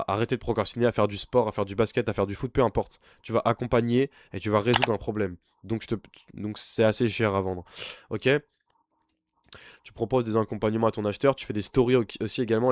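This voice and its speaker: A man's voice: lowish voice, fairly even intonation, quick pace, no echo. A young man working as an online business coach gives an informal screen-share tutorial. He talks bluntly and pushily, straight at the viewer. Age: young adult.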